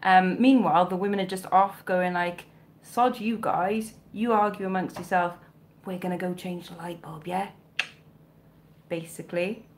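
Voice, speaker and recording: Her voice sits lowish, steady in tone and moderate in pace, carrying a mild Welsh accent from South Wales. She's in her thirties, a vintage clothing reseller streaming live from a shelved bedroom at home, joking around and teasing herself as she replies to comments. The sound comes through a webcam or phone held close.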